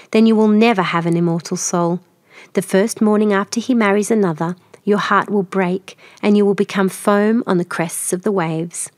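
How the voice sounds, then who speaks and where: A woman's voice: medium pitch, no room sound, studio quality, natural voice. A woman voicing a cruel, scheming old sea witch in a storybook reading, mocking and menacing.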